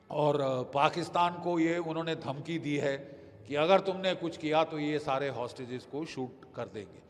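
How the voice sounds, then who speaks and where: An older man giving emphatic news commentary as a defence expert, pausing with hesitations and mixing in English phrases. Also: mid-range voice, long reverb tail.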